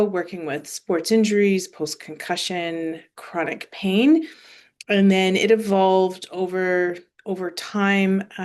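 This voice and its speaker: Lowish-voiced woman in her 40s explaining stuff, lots of ums, uses car comparisons. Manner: explanatory, with fillers and analogies. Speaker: osteopathic manual therapist. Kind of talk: presentation over shared screen.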